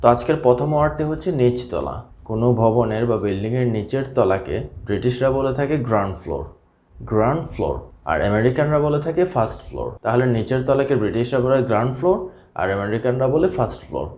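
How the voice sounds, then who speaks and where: A man from Bangladesh teaching a scripted English vocabulary lesson, steadily repeating each key word slowly. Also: mid-range voice, expressive, darkish tone. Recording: echoey room.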